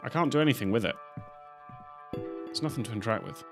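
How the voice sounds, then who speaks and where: A man's voice: mid-range voice, lively intonation, fast talker, music in the background. A young man commentating casually on a live game stream, chatty and self-mocking, swearing now and then.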